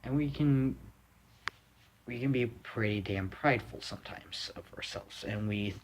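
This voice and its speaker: A man's voice: medium pitch, measured pace, slight background noise. A young man from the United States giving a rambling, blunt opinion monologue, full of fillers and restarts. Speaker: vlogger.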